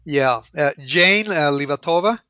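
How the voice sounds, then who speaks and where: Hesitant male instructor, bright voice. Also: fairly high pitch, expressive, clear, resonant tone, no room sound. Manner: hesitant, many pauses and restarts. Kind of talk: online lecture.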